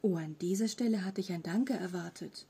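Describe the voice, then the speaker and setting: A woman reading an audiobook, voicing a small, friendly, three-hundred-year-old furry monster with a pleasantly rough, half-whispered voice and a mischievous manner. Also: lowish voice, a little fast, dark tone, heavily acted. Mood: cheeky friendly. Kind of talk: audiobook character voice.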